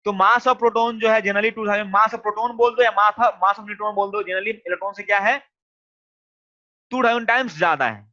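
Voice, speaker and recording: A man teaches an online class in a high voice, repeating questions until the students answer. His voice is bright and ringing. The sound is dull and lo-fi. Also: normal speed.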